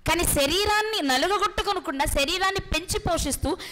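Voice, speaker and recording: A woman preaching a sermon with a Telugu accent, asking rhetorical questions and pausing for effect. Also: extremely high pitch, pushed and bright. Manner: rhetorical questions, dramatic pauses.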